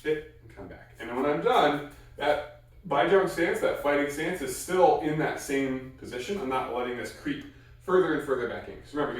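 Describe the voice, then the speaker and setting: A man gives a step-by-step martial arts lesson, recorded at a distance in a very echoey room. His pitch is mid-range, and he breaks his explanations up with short, repeated cue words. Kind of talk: instructional demonstration talk.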